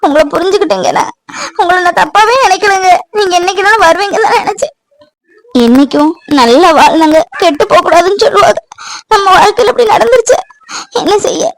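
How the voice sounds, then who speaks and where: A woman voicing a devoted village wife and mother in an animated family drama, pleading and soothing. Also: extremely high pitch, quick pace, gravelly, exaggerated voice, poor audio. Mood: tearful. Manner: pleading, soothing, then bustling.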